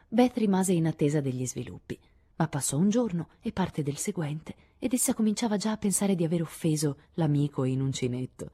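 Audiobook narrator, woman, low mellow husky voice, measured expressive reading. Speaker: audiobook reader. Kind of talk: scripted narration.

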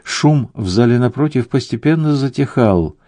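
A man narrating a novel as an audiobook in a measured storytelling manner. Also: medium pitch, expressive, warm tone, no echo.

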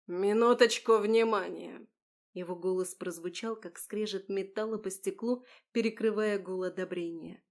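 A woman's voice: mid-range voice, a little mellow. Woman narrating a dramatic story. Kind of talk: first-person scripted story narration.

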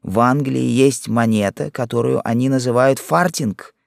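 A man's voice: mid-range voice, moderate pace, vocal fry, no echo, pitched above the performer's own voice, close to an everyday voice. Brief: male reader doing a young wife in an audiobook, raised and emotional, devoted, dry booth. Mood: eager. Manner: raised, emotional, pleading delivery. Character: devoted young island wife, pleading and fierce. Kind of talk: audiobook character reading.

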